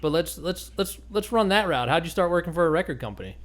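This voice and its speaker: A middle-aged man with a slightly higher voice hosts a relaxed podcast chat. He asks questions in an easygoing, chatty way and keeps the guest going with quick "right on"s. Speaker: podcast host. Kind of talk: casual interview.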